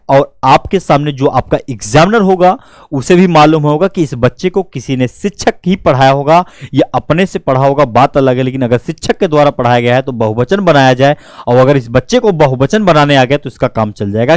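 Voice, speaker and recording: A man's voice: on the high side, dry recording. A young man with a north Indian Hindi accent teaching an exam-prep grammar lesson, full of rhetorical questions and imagined student replies. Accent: Hindi-speaking north Indian. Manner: explains with many rhetorical questions and student asides.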